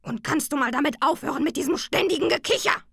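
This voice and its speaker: A woman's voice: a little high, wildly swooping pitch, slow pace, darkish tone, no echo, studio quality, pitched above the performer's own voice, full character voice. A woman voicing a surly, shaggy male creature who grumbles and sulks. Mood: annoyed grumbling. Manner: grumbling, sulky, dull. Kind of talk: storybook character voice.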